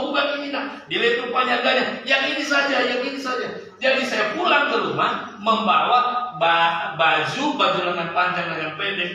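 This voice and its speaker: A man preaching a sermon and telling a personal story, with an animated voice that climbs and sinks sharply. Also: high voice. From Sulawesi, Indonesia. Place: church service hall. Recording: echoey church hall, from a distance.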